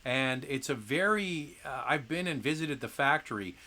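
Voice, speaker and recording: A middle-aged man talks casually on a live car Q&A stream. His voice is bright and forceful. He rambles with plenty of fillers and restarts. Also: mid-range voice, lively intonation, moderate pace. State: occasional coughing from acid reflux.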